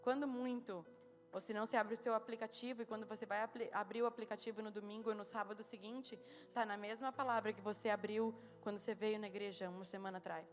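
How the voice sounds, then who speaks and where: A woman with a Gaúcho Brazilian accent preaching a lively, humorous sermon at a conference, blunt and teasing as she tells stories. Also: medium pitch, quick pace. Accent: Gaúcho Brazilian Portuguese. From southern Brazil. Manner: blunt, teasing, animated storytelling. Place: church conference hall. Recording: reverberant hall with music behind.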